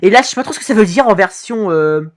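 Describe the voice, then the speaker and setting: A woman talking as an excited anime fan in a casual, sweary reaction commentary, gushing with slangy exclamations. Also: mid-range voice, quick pace. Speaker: reaction video host.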